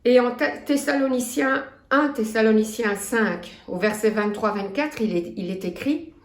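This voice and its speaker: A woman in her fifties with a Belgian French accent, preaching a sermon in an earnest, measured way and reading scripture aloud. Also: a little high, echoey room. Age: 50s. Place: church.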